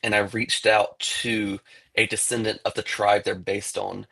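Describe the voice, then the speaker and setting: A man's voice: fairly low pitch, flat delivery, a little slow, creaky, pushed and bright, slightly rough. A man, an author, talking casually in an interview about his book, rambling with many fillers.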